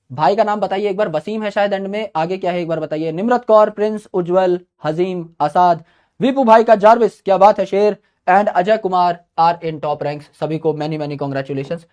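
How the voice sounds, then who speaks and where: Running a live online biology class, this young man speaks at a normal pace in a high-pitched voice, and the recording's highs are cut off. His chatty study tips blend Hindi with English phrases, and he addresses students as "brother".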